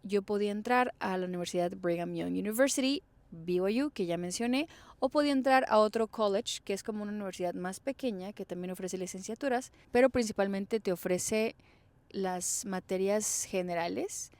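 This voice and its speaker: A woman's voice: mid-range voice, moderate pace, a little mellow, dry recording. A young woman from Mexico with a Mexican Spanish accent, telling her own story in a chatty, explanatory vlog with casual fillers. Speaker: vlogger.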